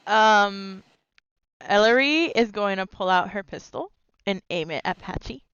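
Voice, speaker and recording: A woman tabletop player describing her character's actions in a measured way. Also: medium pitch, animated, fairly bright tone, clean tone, dry recording, highs cut off.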